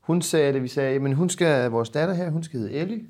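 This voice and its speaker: A man's voice: a little high, a little mellow. Young man swapping casual anecdotes. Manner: informal, swearing. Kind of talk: casual chat, telling anecdotes.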